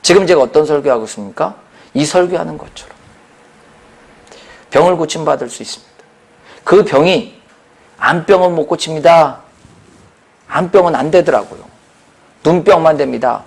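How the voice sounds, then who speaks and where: A man, a pastor, preaching a lively sermon that jumps from shouts to near whispers and acts out the voices of the people in his story. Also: a little high, normal speed, gravelly, long pauses, breathy edge. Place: prayer retreat hall.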